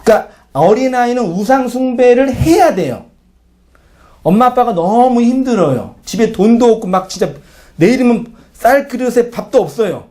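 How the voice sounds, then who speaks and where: A man's voice: very high-pitched, animated, normal speed, dark tone. A male pastor preaching in a conversational way, often questioning the congregation and acting out short quoted lines. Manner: acts out short quoted lines in changing voices. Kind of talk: sermon.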